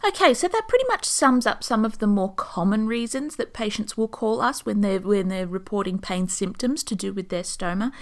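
A woman, a stomal therapy nurse hosting a podcast, who talks out of breath while calmly explaining and advising listeners step by step into a podcast microphone. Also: medium pitch, normal speed, few pauses. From Australia. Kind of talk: informational podcast monologue. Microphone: studio podcast microphone.

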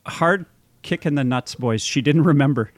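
Slightly high-voiced man hosting a podcast. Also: normal speed, dry recording, studio quality. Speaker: podcast host. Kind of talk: casual podcast chat.

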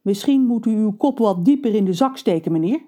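A woman voicing a calm, polite male butler who is really a secret agent, explaining things matter-of-factly. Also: medium pitch, brisk, natural voice.

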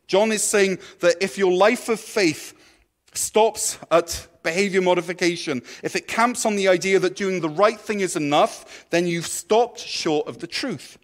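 A man, preaching a sermon to his church in a conversational, playful way. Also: high-pitched. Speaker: pastor.

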